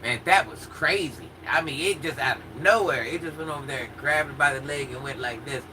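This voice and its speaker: An American woman with a naturally husky voice tells personal stories casually to a live chat in an animated, dramatic way. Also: sits low, a little fast. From rural United States, country upbringing. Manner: animated, dramatic retelling with acted-out quotes. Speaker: livestreamer chatting with viewers. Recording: distant mic with faint background noise.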